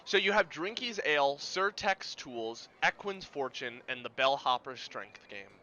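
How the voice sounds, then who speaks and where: A man narrating as game master of a tabletop game, lively and throwing in vocal sound effects. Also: fairly high pitch, unhurried, dull audio.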